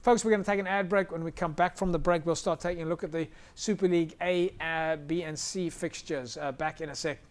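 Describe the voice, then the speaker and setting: A man's voice: on the high side, fairly even intonation, fairly quick, few pauses. A South African man hosting a live rugby show, presenting casually in a chatty, hesitant way.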